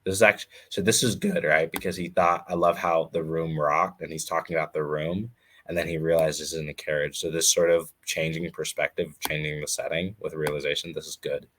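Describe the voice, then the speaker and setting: A man's voice: rumbling low, flat delivery, fairly quick, fairly bright tone. A man coaching writers, reading a submitted story aloud and critiquing it in a casual, chatty way. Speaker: writing coach.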